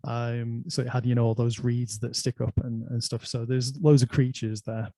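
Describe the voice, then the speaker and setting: A man's voice: mid-range voice, flat delivery, moderate pace, warm tone, dry recording. An Irish man hosting a casual conversation, chatty and anecdotal, telling stories from his life. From Ireland. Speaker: host.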